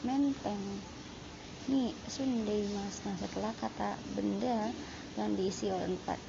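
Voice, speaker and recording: A woman's voice: mid-range voice, measured pace, creaky. A woman teaching a Japanese lesson online, patiently repeating and rephrasing with frequent fillers. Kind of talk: online lesson explaining sentence patterns. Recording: lo-fi with steady background noise.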